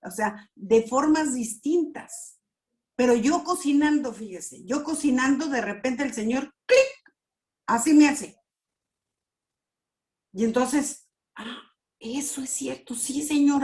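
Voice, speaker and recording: A woman's voice: a little high, darkish tone. A middle-aged woman teaching a church premarital class, repeating words and acting out prayers and sound effects. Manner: slow, repetitive, with sound words and acted prayers.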